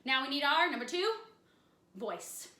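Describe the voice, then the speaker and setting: A woman with a high voice leads a kids' acting lesson from home, upbeat and speaking right to her young viewers. Her delivery stays fairly flat, and the room around her adds a clear echo. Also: measured pace. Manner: upbeat, talks straight to kids at home. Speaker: acting teacher. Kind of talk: children's acting workshop.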